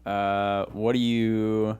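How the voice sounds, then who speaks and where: A man's voice: lowish voice, level tone, drawn-out words, a little mellow, clear, resonant tone. A young man co-hosting a comedy podcast in casual chat, rambling and giggling with lots of restarts. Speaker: podcast co-host.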